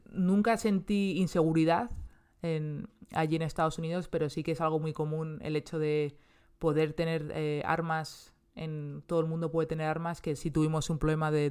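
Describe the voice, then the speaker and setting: Her deep, smooth, slightly mellow voice carries a Spain Spanish accent. She's a woman in her thirties from Spain, chatting casually as an interview guest, with many fillers and restarted sentences.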